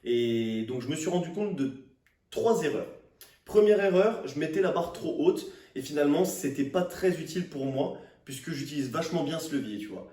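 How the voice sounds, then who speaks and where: A man's voice: a little high, expressive, normal speed, dark tone. A young man venting casually to camera in slang, exasperated and ranting, with swearing. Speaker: fitness vlogger. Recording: roomy echo, distant microphone.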